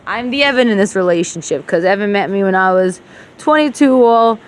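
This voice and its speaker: Her voice is mid-range, a little fast, and lively in intonation as she rants to herself, cursing and emotional, hopping between English and rural Levantine-accented Arabic.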